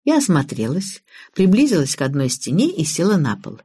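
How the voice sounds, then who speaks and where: A woman narrating a first-person audiobook with lively storytelling. Her voice sits low and sounds husky, and her intonation rises and falls a lot. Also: fairly quick, no room sound, clean studio sound.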